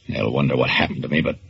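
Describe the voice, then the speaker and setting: A man's voice: a bass voice, gravelly. An actor playing a tense, evasive male reporter who is secretly a superhero, in 1940s radio acting. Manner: evasive, tense, musing alone. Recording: dull 1940s radio recording.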